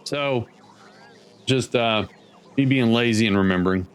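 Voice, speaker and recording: Streamer, male, relaxed meandering commentary, average pitch, plenty of fillers. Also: measured pace, clean tone. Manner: rambling, thinking aloud with many fillers. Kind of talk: casual gameplay commentary.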